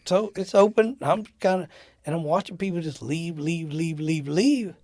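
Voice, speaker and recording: A man's voice: on the high side, moderate pace, no echo. A man telling casual travel stories as an interview guest, acting out the people he met. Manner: animated, acts out the people in his stories. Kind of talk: casual storytelling.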